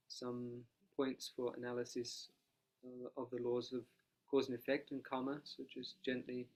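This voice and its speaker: Speaking without a dedicated mic, a soft-spoken monastic teacher guides a meditation in a quiet, even, nearly monotone way, calm and never rushed. The audio quality is poor.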